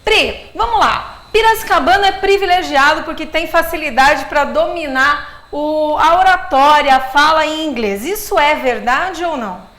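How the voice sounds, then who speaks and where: Brief: high-pitched woman presenter, upbeat live TV host, roomy studio sound. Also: normal speed, few pauses, a bit bright. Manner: upbeat, asks questions, announces phone number. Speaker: TV journalist, host.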